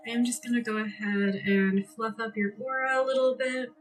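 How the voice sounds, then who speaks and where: A woman hosting a live reiki healing stream, chatting casually and gently with viewers and thanking them by name. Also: fairly high pitch, flat delivery, moderate pace, recorded from a distance. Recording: music playing behind, voice a bit off-mic.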